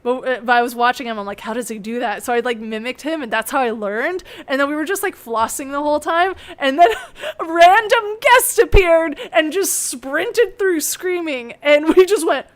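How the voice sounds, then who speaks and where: A young woman hosting a casual chat, telling stories in a chatty, giggly, animated way. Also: high voice, normal speed. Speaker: host.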